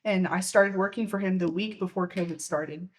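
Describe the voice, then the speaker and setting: A woman's voice: fairly low pitch, moderate pace, slightly rough. A young woman co-hosting a casual podcast, a little out of breath, chatting with frequent restarts and laughs. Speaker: podcast co-host.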